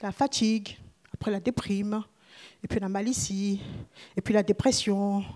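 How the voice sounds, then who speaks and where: A woman preaching a sermon with Bible reading. She is dramatic, swinging between hushed whispers and loud exclamations, with chatty asides to the congregation. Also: medium pitch, fairly even intonation, a little slow.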